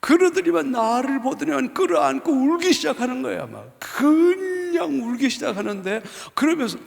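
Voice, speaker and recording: A man in his fifties, a pastor, giving an animated storytelling sermon testimony in a church. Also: very high-pitched, moderate pace, vocal fry. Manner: animated storytelling, acts out quoted voices. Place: church sanctuary. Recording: long church hall reverb.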